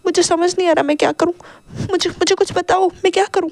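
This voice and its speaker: A woman's voice: normal speed, warm tone, no echo. A woman voicing a frightened father at the wheel, stammering and frantic as he speaks. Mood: panicked. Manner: stammering, frantic, rising pitch. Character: panicking father driving a runaway car.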